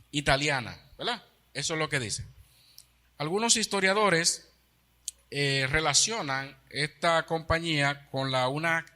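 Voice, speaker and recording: Male pastor, fairly high bright voice, explanatory Bible-study sermon with rhetorical questions. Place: church.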